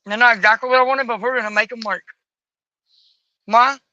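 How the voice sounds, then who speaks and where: Woman streamer, casual and picky, folksy asides, slightly rough morning voice; dry, close, muffled sound. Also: fairly high pitch, steady tone, racing, pushed and bright, dry recording. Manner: muses aloud, picky and chatty, folksy asides. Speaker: streamer coloring live. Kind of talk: casual chat while coloring. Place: home at night.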